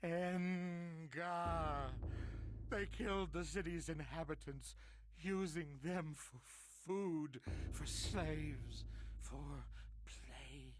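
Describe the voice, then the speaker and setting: A raving, half-mad survivor. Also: male voice, mid-range voice, big pitch swings, slow, background noise. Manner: lurches between hoarse whispers and manic shouts; theatrical, archaic turns of phrase. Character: deranged male survivor raving about monsters. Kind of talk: dramatic horror monologue.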